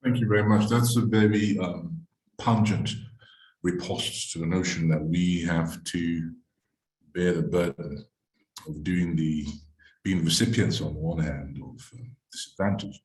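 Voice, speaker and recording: A man moderating an online panel, speaking in a measured, formal and wordy way. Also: deep voice, fairly even intonation, darkish tone. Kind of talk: webinar moderation. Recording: echoey room.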